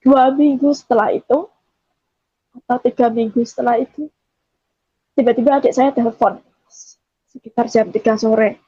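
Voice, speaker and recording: A woman's voice: a little high, fairly even intonation, moderate pace, long pauses, warm tone, husky, no echo. A woman from Java giving an earnest personal testimony, often quoting herself as she tells the story. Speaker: testimony giver. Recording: dull, dry recording.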